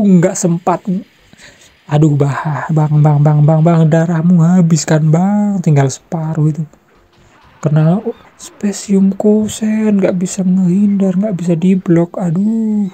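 A young adult giving excited gameplay commentary, trash-talking and shouting fight noises. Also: mid-range voice, takes it slowly, slightly rough.

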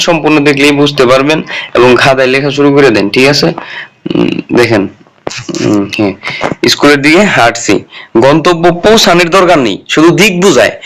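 A man's voice: fairly high pitch, fairly bright tone. A man from Bangladesh teaching a casual grammar lesson, asking himself questions and then answering them, and often checking whether his listeners are following. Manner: colloquial, checks in with "ঠিক আছে?". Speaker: Japanese language teacher.

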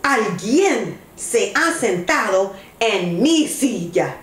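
A loud, gruff papa bear bellows from the pages of a children's storybook, as a woman reads him out. He speaks slowly and deliberately, and the echo of a bare room hangs around every word. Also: mid-range voice, very animated. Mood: indignant. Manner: loud exclaiming. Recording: echoey room.

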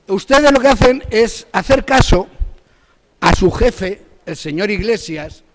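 A man's voice: sits high, animated, slow pace, noisy background. Combative Spanish man, echoing council hall. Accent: Spanish from Spain. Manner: combative, accusatory, rises when attacking. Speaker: opposition party spokesman at district council. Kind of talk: formal council speech. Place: district council chamber. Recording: long reverb of a council hall.

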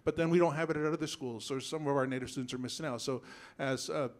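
A man in his thirties from a reservation in Washington speaks into a handheld microphone in a public meeting room. His talk is earnest and halting, and his voice has a nervous tremor. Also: medium pitch, fairly even intonation. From Yakama Reservation, Washington. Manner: halting, earnest, clears throat often. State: nervous, voice shaking. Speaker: school board member. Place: school board meeting room.

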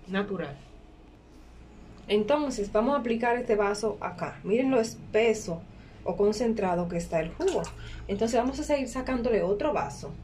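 A woman talks through a kitchen task in a casual, step-by-step way. Her pitch sits in the middle range, and she often repeats herself and checks that you follow. Clear background noise runs behind her phone recording. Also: a little mellow. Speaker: home cooking vlogger. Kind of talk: casual cooking demonstration. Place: small indoor kitchen at a workplace.

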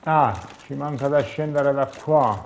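A man's voice: medium pitch, a little slow. A man gives casual commentary while playing a video game. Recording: clear background noise and game ambience.

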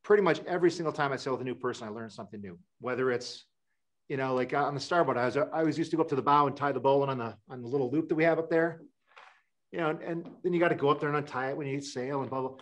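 A middle-aged Wisconsin man, a sailor appearing as a guest, answers interview questions over a webcam from an indoor room. His medium-pitched voice moves very fast, and his casual replies ramble loosely, full of fillers and restarts.

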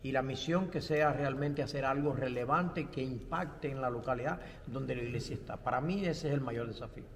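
A man's voice: mid-range voice, a little fast, in a large hall, slight background noise. An older man from Cuba, a pastor and theology professor, answering interview questions in a reflective way with light self-deprecating humor. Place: studio set with bright backdrop.

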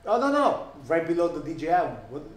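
A man co-hosting a casual tech podcast, laughing often and breaking into excitable exclamations. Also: a little high, fast. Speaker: podcast co-host. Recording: roomy room with faint noise.

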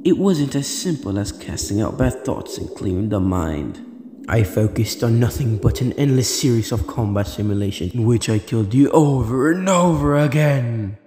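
A man's voice: medium pitch, lively intonation, normal speed, dark tone, reverberant, big-room sound, natural voice. A man voicing an arrogant, vengeful alien tyrant in an anime fan dub, with haughty, formal, menacing diction. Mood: smug, menacing.

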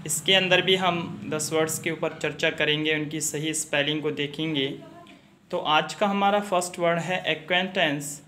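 Bright high-voiced male spelling teacher. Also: slight background noise. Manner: spells words letter by letter, explains meanings slowly; steady instructional pace with hesitant "uh" fillers. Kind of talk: educational video lesson.

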